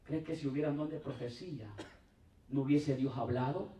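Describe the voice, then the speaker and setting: A man's voice: mid-range voice, moderate pace. Roomy, distant man preaching in church. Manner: conversational preaching, often calling out to the congregation; emphatic, swinging from raised to hushed. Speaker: pastor. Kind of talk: sermon.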